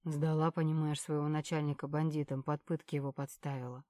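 A calm male security man questions a prisoner with cold, measured menace, voiced by a woman reading the story. His voice runs low and dark. There is no room sound around it. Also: no echo, close to an everyday voice.

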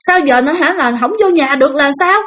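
A woman's voice: high voice, a little fast, a bit bright, voice pushed up. A woman doing a bewildered older village mother. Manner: bewildered, questioning.

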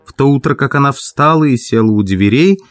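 A man reading a classic story aloud as an audiobook narrator, in measured, even storytelling. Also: mid-range voice, no room sound, clean studio sound. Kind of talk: scripted narration.

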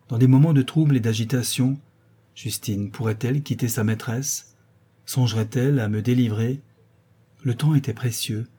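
Husky-voiced male audiobook narrator. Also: mid-range voice, warm tone.

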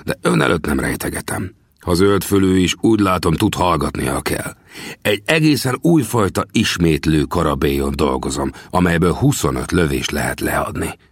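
A man voicing a gruff, lecturing older gunsmith in an audiobook, with brusque, scolding questions. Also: low-pitched, expressive, dry recording, studio quality, heavily acted. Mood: confiding. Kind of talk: audiobook character voice.

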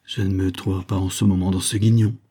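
Audiobook: a man doing a scheming woman, fretful and slangy, low husky tone. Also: little pitch movement, quick pace, dark tone. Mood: dismayed. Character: scheming woman, frightened mother figure.

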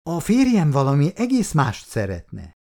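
A man's voice: fairly high pitch, wildly swooping pitch, vocal fry, mellow, voice pushed up, heavily acted. A man voicing Irén, a timid wife who speaks hesitantly and is easily shocked.

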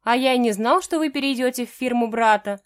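A woman voicing a smug two-faced man, mock-friendly, raised and loud, audiobook. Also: on the high side, a little fast, dry recording, clean studio sound, pitched above the performer's own voice, close to an everyday voice. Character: smug two-faced older brother, male boss.

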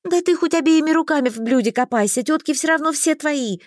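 A woman reading an audiobook voices an excitable, timid young heroine who pleads in an emotional way. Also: high-pitched, brisk, no echo, studio quality, voice pushed up, close to an everyday voice. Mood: pleading. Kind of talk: audiobook character voice.

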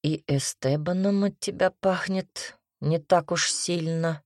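A woman's voice: fairly low pitch, slow pace, darkish tone, dry recording, studio quality. A woman voicing a sullen young male werewolf husband who asks blunt, suspicious questions. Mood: gruff.

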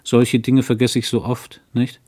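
A man's voice: medium pitch, monotone, unhurried, darkish tone, slightly rough. Man voicing a restless young wife. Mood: lively. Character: young woman, restless dreamy doctor's wife. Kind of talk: audiobook character voice.

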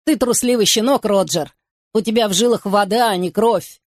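A woman voicing an agitated young man in love who pleads and raves in excited bursts. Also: mid-range voice, moderate pace, no room sound, clean studio sound, natural voice.

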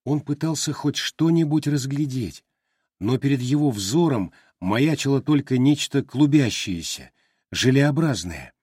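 Slow, husky male audiobook narrator. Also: mid-range voice, expressive, darkish tone, dry recording, studio quality. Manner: slow, measured, deliberate. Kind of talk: scripted narration.

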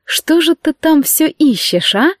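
A woman's voice: high-pitched, big pitch swings, a little slow, dry recording, clean studio sound, pitched above the performer's own voice. Woman playing an earnest young bride-to-be.

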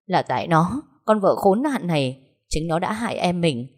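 A woman's voice: on the low side, sing-song, normal speed. Woman voicing a furious hot-tempered peasant woman. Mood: enraged. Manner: shouting, threatening, coarse.

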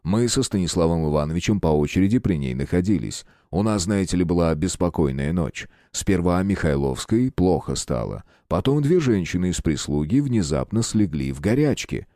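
A man's voice: low-pitched, expressive, moderate pace, few pauses, dark tone, no room sound, studio quality. A man voicing a haughty, indignant doctor who is easily flustered. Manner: indignant, then bewildered.

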